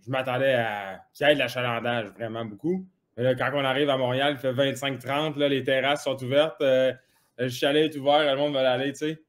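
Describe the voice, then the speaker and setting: A young man with a Québécois French accent, a guest in a casual chat, easygoing and full of fillers. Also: mid-range voice.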